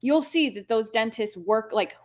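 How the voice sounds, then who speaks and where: A woman's voice: fairly high pitch, lively intonation, normal speed, a little mellow. A woman hosting her own podcast, explaining ideas in a casual, chatty way, often restarting and correcting herself as she goes. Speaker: podcast host.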